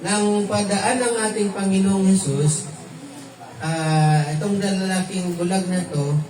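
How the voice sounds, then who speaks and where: Guy leading bible study, kinda high voice, far from the mic in an echoey room, asks the crowd stuff. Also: slow pace, a little mellow, a little hiss or hum. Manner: asks the listeners questions, with light laughs; mixes English phrases into his teaching. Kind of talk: verse-by-verse Bible teaching.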